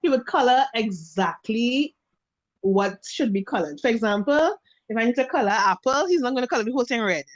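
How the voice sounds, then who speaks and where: Trinidadian woman telling animated stories. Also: on the high side, fairly quick, muffled recording. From Trinidad and Tobago. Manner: animated storytelling, acts out quotes. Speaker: guest face and body painter. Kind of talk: casual interview chat over video call. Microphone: video call.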